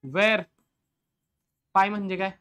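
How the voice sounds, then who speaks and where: A male chemistry teacher with a Marathi accent, lecturing a classroom. He keeps asking the class questions and answering them himself, and dictates English definitions slowly. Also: high voice, sharp tone, clear, resonant tone.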